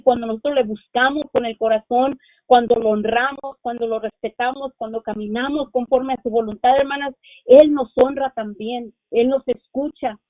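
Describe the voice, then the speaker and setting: A middle-aged woman gives a fervent religious testimony and keeps calling out to her sisters as she speaks. Her voice sits a little high. The sound is dry and tinny, like a phone call with no room around it. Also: dry recording. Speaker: church member giving testimony.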